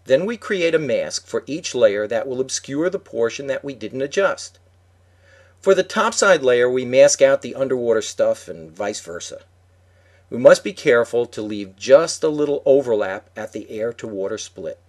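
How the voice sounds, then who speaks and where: A man's voice: medium pitch, sing-song, normal speed. A man co-hosting a podcast, reading a prepared script in an instructive way. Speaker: podcast co-host.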